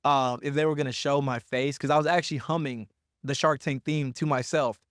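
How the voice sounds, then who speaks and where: Young guy talking quick, slight lisp, dry close sound, storytelling and doing people's voices. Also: medium pitch, clear, resonant tone, no room sound. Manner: animated storyteller, acts out others in a raised voice. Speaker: podcast guest, entrepreneur. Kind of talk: casual storytelling interview.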